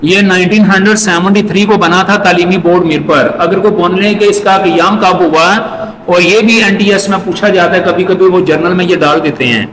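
High-voiced teacher in echoey hall. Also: male voice, steady tone, fairly bright tone. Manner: repeats key points, reads English lines slowly and deliberately. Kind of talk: exam-prep classroom lecture. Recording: echoey hall with faint noise.

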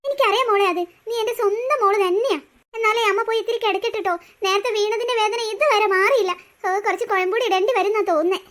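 This is a scheming old grandmother from a cartoon story, scornful and always scolding, as a woman acts her out. The voice sits very high and runs quick. It has a bright, sharp edge. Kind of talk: cartoon voice acting.

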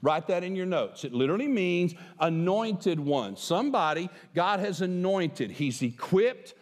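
An older man preaching with a high, lively voice that swoops up and down as he makes his points. He moves across a large church stage with a headset mic, and his voice trails off into a long hall reverb. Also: measured pace. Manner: animated, emphatic preaching with wide gestures. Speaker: pastor. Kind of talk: sermon.

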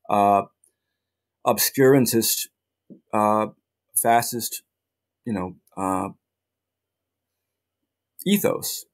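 Gravelly low-voiced man, halting. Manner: halting, many restarts and fillers, dry asides. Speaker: guest, journalist and activist. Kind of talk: casual interview talk.

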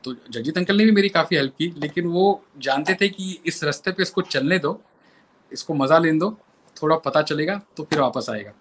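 A man's voice: on the high side, normal speed, fairly bright tone, a little hiss or hum. A male violinist and composer telling anecdotes as an interview guest, repeating phrases for emphasis.

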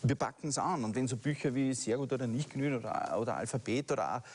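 A man's voice: medium pitch, expressive, quick pace, a little mellow, breathy edge. A man speaking as a panel guest, emphatic and persuasive. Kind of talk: studio discussion. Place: studio set with books.

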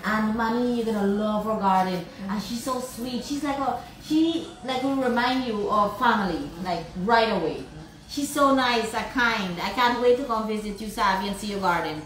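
A woman with a fairly high voice hosts a live cooking stream, effusive and chatty with her viewers. The sound is roomy and echoey, with faint ambience behind her. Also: normal speed, slight background noise. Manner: effusive, greets viewers with "big love". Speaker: cooking vlog host. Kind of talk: live cooking demonstration with viewer shout-outs.

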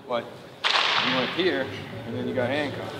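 A man's voice: medium pitch, steady tone, moderate pace. A man coaching young baseball players at a clinic, giving direct, instructive pointers. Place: large indoor sports dome. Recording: loud background noise in gym.

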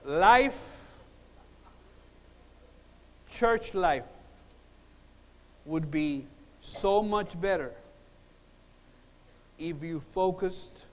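This Cuban-born preacher from Puerto Rico is middle-aged, speaks in a high register, and tells humorous personal stories with animated flair, emphatic pauses, and repetition. The sermon comes from a lectern on stage in a large conference hall, picked up by a lapel mic and carried through an echoing PA.

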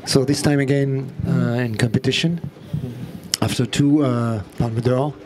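A male moderator speaks at a medium pitch in halting, English. He repeats words as he introduces a guest and puts questions to him. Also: fairly even intonation, darkish tone, slight background noise. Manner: halting, repeats words, non-native phrasing. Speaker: host, moderator. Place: outdoor terrace before a small audience.

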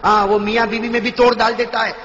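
High, shouting preacher in an echoey hall. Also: male voice, little pitch movement, fast, a little hiss or hum. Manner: dramatic storytelling, acting out dialogue, swelling to shouts. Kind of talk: emotional religious sermon. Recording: echoey hall, dull lo-fi sound.

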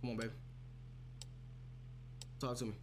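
A man's voice: mid-range voice, little pitch movement, moderate pace, noisy background. A man doing casual live horror game commentary to his chat, sounding scared, with slangy, profane, repetitive talk. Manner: slangy, profane talk, often repeating phrases. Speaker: video game streamer.

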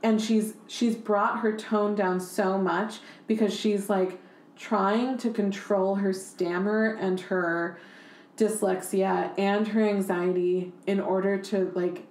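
A young woman hosting a podcast in casual chat. She talks in an animated way, swears freely and fills her sentences with "like". Her voice is of middle pitch and carries a roomy echo. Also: takes it slowly. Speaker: podcast host.

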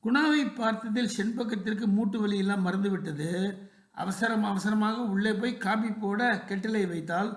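Short story reader, steady and unhurried, mid pitch, roomy echo.

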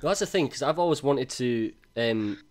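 A man's voice: mid-range voice, lively intonation, normal speed. A man hosting a podcast, enthusiastic and full of casual fillers. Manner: enthusiastic, many fillers and likes. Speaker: podcast host.

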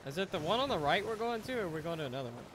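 Giggly high-voiced man gaming. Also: big pitch swings, rapid-fire. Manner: giggly, sweary. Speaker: gamer, crewmate steering the ship. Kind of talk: casual banter while playing a multiplayer game. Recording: clear game noise behind voice. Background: boat and water game sounds.

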